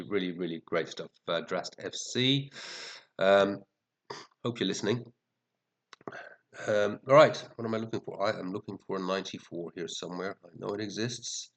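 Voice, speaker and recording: A man's voice: low voice, fairly bright tone. A man with a stuffy head cold, chatting and muttering his way through casual, mildly sweary commentary as a show host. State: sniffly, congested with a head cold. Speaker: fantasy football show host. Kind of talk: casual rambling commentary reviewing team scores.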